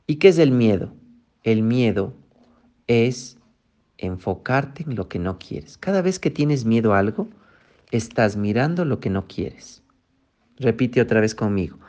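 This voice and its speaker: A man's voice: medium pitch, lively intonation, unhurried, long pauses, warm tone, dull audio. A man giving a motivational talk. He speaks emphatically, posing rhetorical questions and then answering them.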